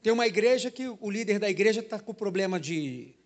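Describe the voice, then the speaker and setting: High-voiced pastor preaching conversationally. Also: male voice, lively intonation, a little fast. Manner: conversational preaching, frequent "né?" tag questions. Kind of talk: sermon. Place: church hall.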